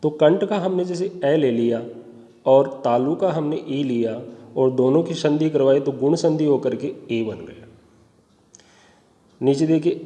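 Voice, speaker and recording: A man teaching an exam-prep Sanskrit phonetics lesson, speaking slowly and deliberately, spelling out sounds one by one and addressing viewers as friends. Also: fairly high pitch, dark tone, in a large hall.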